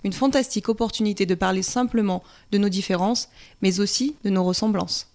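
A woman reading a scripted news report as narrator, with a steady read-aloud delivery. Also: medium pitch, brisk.

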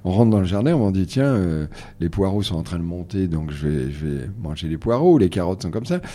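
A man's voice: deep voice, big pitch swings, brisk, warm tone. A man as a guest on a radio conversation, hesitant and restarting often as he explains his reading events. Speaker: guest, organizer of book readings.

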